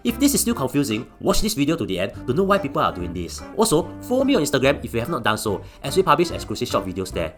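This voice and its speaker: Singaporean male explainer host, Singlish-flavoured, quick delivery over background music. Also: medium pitch, wildly swooping pitch. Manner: Singlish particles such as lah at sentence ends. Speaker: video host. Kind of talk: scripted explainer narration to viewers.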